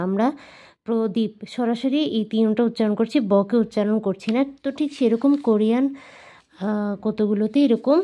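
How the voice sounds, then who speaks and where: A woman teaching Korean numbers to learners, explaining patiently and repeating each word slowly several times. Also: a little high, warm tone. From Bangladesh. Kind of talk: explaining and drilling pronunciation.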